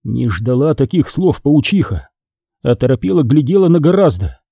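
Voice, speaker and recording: A man's voice: medium pitch, big pitch swings, moderate pace, vocal fry, warm tone, breathy edge, no echo, clean studio sound. A man narrating a historical novel as an audiobook reader.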